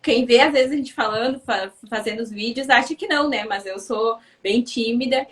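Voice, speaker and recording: A soft-spoken woman in her thirties, from Paraná in Brazil, chatting casually as a guest in an interview and often tagging her sentences with questions. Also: a little high, normal speed, recorded from a distance, poor audio. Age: 30s.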